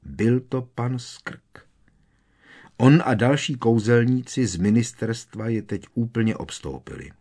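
A man reading a fantasy novel aloud as an audiobook narrator, in a steady storytelling manner. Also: mid-range voice. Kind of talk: scripted narration.

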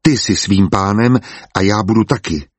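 A man's voice: on the low side, slightly rough, no echo. A man voicing a hardened former executioner who speaks coldly and bluntly. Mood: cold, firm. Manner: cold, blunt. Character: hardened former executioner, steady husband, nerves of steel.

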